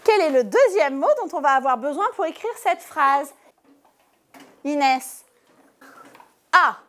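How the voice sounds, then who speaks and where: A woman teacher giving a lesson to young pupils in a classroom, speaking slowly and clearly and stressing each syllable. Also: high-pitched, expressive, a bit bright. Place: primary school classroom.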